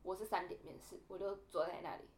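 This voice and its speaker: A woman's voice: fairly low pitch, fairly even intonation, fast, a crowd in the background. A young woman telling a story in a casual podcast chat, animatedly acting out the quoted dialogue. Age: young adult. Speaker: podcast co-host.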